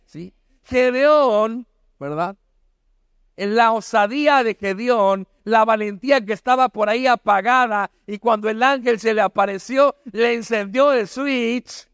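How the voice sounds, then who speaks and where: Middle-aged pastor guy preaching hard, fairly high voice, smooth and clean, dry close sound. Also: a little slow, dry recording. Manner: emphatic, rhetorical questions, bursts of shouted exhortation. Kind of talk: sermon.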